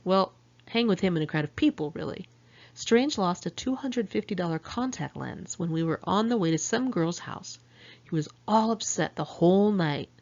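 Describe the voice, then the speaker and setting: A middle-aged Californian woman reads her own memoir aloud in first person, telling diary-style stories with candor, wry humor and sardonic asides. Her voice is medium-pitched, creaky and a little mellow, and the high frequencies are cut off.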